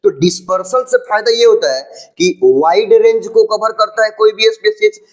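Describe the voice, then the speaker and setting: A man's voice: sits high, normal speed, poor audio. A man teaching a biology lesson in mixed with English terms, explaining step by step and often asking whether the class is following. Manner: keeps checking if students follow. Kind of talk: classroom lecture at a board.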